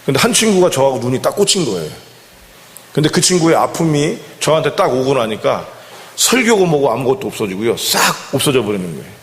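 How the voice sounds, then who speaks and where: A man preaches from the pulpit in a relaxed, talking-it-through way. He keeps turning to the congregation with questions, and his voice sits at a middle pitch. A long reverb from the church sanctuary trails after every phrase. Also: fairly quick. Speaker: senior pastor. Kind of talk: sermon.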